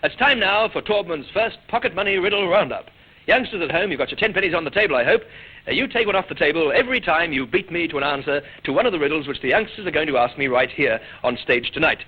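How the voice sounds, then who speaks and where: An Australian man runs an old-time children's riddle show on radio before a studio audience. His fairly high, husky voice is animated and quick. The old recording is dull and noisy, with heavy noise and audience sounds behind him.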